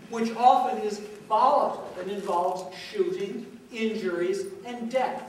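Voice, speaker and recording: A man plays a confident analyst who takes apart news footage shot by shot and brushes off doubts. His voice sits unusually high, and he stumbles over small fillers. The stage is picked up from a distance, in a booming, echoing hall. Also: a little hiss or hum. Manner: explains footage step by step with frequent uh fillers. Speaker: stage actor in a multimedia play. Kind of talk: stage play dialogue. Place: theatre stage. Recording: echoey stage recorded from far off.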